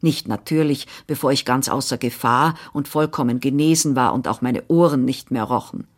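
A woman reads a literary memoir aloud in the first person. Her voice is low, and she takes a measured, expressive pace through the text. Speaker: audiobook reader.

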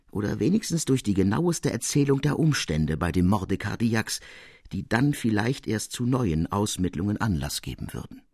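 Casting: husky, mid-pitched male narrator, close and dry, for a measured classic audiobook reading. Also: no room sound. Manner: measured, steady storytelling. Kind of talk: scripted literary narration.

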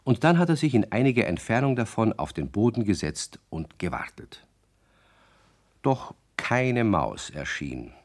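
A man reading the narration of a children's radio story in a lively storytelling manner. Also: fairly low pitch, measured pace.

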